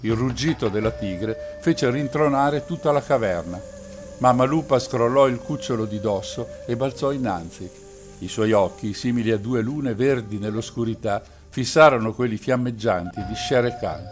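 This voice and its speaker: A man narrating a novel aloud in a steady, measured storytelling voice, with faint music behind. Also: medium pitch.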